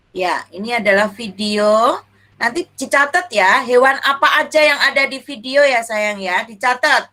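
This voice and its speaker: A woman's voice: high-pitched, sharp tone. A young woman teacher, teaching a children's class, affectionate and calling her pupils dear, asking questions and answering them herself. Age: young adult.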